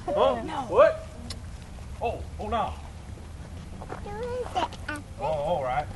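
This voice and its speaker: A man's voice: sits high, sing-song, very slow, full character voice. A man playing an eccentric old backwoods hermit who talks to trees, rambling and chuckling in a folksy way, recorded outdoors. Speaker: costumed character performer with visitors. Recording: outdoor noise with passing traffic.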